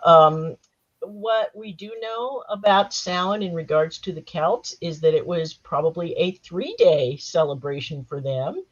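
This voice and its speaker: Hoarse woman getting over a cold. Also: on the low side, animated, unhurried, dull audio. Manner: chatty, wry, lecturing. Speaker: panel moderator and Halloween historian. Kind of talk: panel discussion on a live stream.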